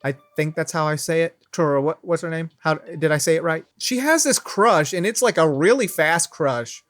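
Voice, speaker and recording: A man's voice: a little high, normal speed, a bit bright. A man hosting an anime review channel, talking casually and stumbling over his words when he is unsure.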